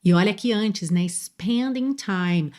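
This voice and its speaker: A woman with a Brazilian Portuguese accent, an English teacher explaining song lyrics step by step and reading the English lines slowly and clearly. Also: medium pitch, darkish tone.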